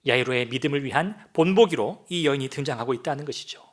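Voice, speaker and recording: A man's voice: mid-range voice, lively intonation, fast talker. A man, a pastor, preaching a Sunday sermon with rhetorical questions and acted-out quotes. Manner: dramatic, rhetorical questions, acts out voices.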